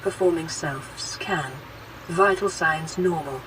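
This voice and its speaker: A woman voicing a calm female onboard computer in a video game, with a gentle synthetic care-robot sound and an even, measured, soothing delivery. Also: low-pitched, recorded from a distance. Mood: calm, reassuring. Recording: game audio under loud noise.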